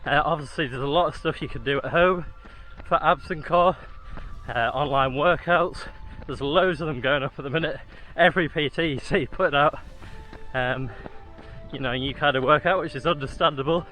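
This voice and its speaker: Out on a run, this man speaks to his viewers at a normal speed in a slightly high, sharp voice. It's a rough recording with soft background music.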